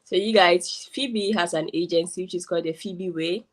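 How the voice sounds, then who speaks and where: A young woman with a somewhat low voice hosts a live interview over a video call. She talks in a chatty, enthusiastic way, sprinkling in casual fillers as she leads her guest. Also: moderate pace. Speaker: host.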